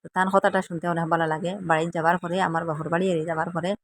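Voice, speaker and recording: A woman's voice: lowish voice, little pitch movement, very fast, slight background noise. A woman from Assam with a Sylheti accent, chatting to viewers in a casual cooking vlog in a rambling, chatty way. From Assam, India. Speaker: vlogger.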